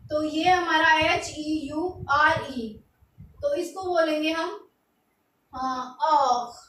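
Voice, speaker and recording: A woman teaching a language lesson, patiently repeating each word slowly. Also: high voice, a bit bright, slight background noise. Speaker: French teacher. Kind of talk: explaining lesson. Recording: echoey room, mic far off.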